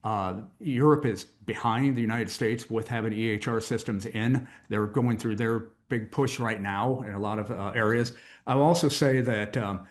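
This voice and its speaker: A man's voice: lowish voice, normal speed. A man on a live panel giving a confident answer full of facts.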